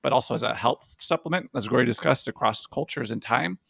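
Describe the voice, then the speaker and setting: A man's voice: mid-range voice, fairly quick, creaky, fairly bright tone, husky, no echo, studio quality. A young man co-hosting a casual podcast, explaining medical science in plain words and laughing easily. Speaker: podcast co-host, physician.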